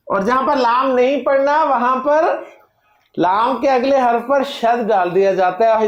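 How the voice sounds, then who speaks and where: A Pakistani man teaching a Quranic Arabic class in Urdu, explaining slowly with a Pakistani accent, drawing words out and often checking "right?" with the students. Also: extremely high pitch. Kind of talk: classroom lecture. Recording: echoey classroom.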